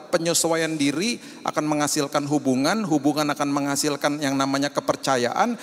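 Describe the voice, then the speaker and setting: A middle-aged male pastor giving a sermon, animated and emphatic, rising to loud peaks and acting out short dialogues. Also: on the high side. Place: church hall. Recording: reverberant church hall.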